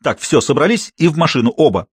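A man's voice: fairly high pitch, sing-song, fast, husky, no echo, clean studio sound, voice pushed up. A man voicing a brash, bossy middle-aged woman who barks orders at her companions. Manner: bossy, barking commands.

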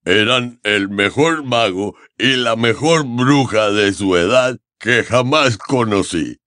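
A man's voice: mid-range voice, animated, slow, fairly bright tone, no room sound, studio quality. A man voicing a huge, weepy, drunken groundskeeper in an audiobook, with a mumbling, growling delivery. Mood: tearful. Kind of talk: audiobook character voice.

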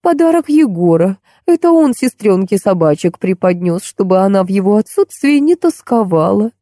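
A woman's voice: mid-range voice, very animated, normal speed, dark tone, no echo, studio quality, close to an everyday voice. A woman voicing a fussy, soothing older nanny in an audiobook. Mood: matter-of-fact. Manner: fussing, soothing.

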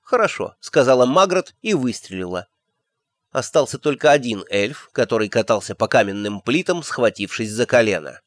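Expressive male audiobook narrator. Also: medium pitch, normal speed, dry recording.

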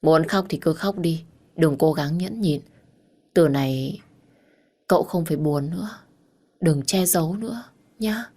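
A woman voicing a caring female friend who gently comforts in a storybook reading. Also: low-pitched, a little slow, pauses often. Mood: comforting.

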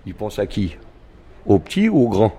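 A man's voice: lowish voice, very animated, normal speed, dark tone, breathy edge. A man answering interview questions bluntly and curtly, growing indignant. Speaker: interviewed voter. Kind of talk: street interview.

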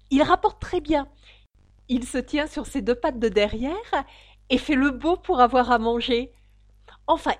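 A woman's voice: on the high side, darkish tone, no room sound. A woman voicing a polite, chatty young girl in a storybook reading, talking earnestly in a rush.

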